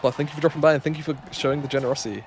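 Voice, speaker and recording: A man's voice: a little high, steady tone, racing, slight background noise. A man, co-hosting a livestream and chatting casually with viewers. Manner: chatty, swearing, laughs often. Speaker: stream co-caster.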